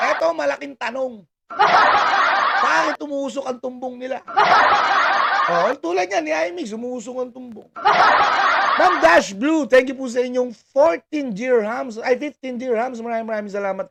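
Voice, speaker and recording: A man's voice: very high voice, creaky. A man vlogger ranting on a livestream, laughing and taunting as he talks, swearing freely and thanking viewers by name. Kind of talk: mocking livestream rant. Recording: loud background noise.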